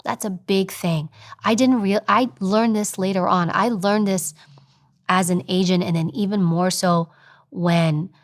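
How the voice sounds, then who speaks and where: Woman guest, 30s, lively and expressive delivery, mid-range voice. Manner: animated storytelling, acts out high fast voices. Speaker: guest, former agent and news presenter. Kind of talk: interview conversation.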